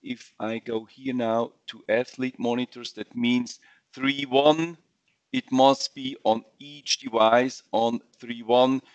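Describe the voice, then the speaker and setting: A man explains software step by step in a webinar, his English halting and full of restarts. He speaks slowly at a mid pitch. The sound is dull and dry, like a desk mic on a video call. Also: fairly even intonation, no echo. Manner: halting non-native English with fillers and restarts. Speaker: software trainer. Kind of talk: webinar screen-share walkthrough.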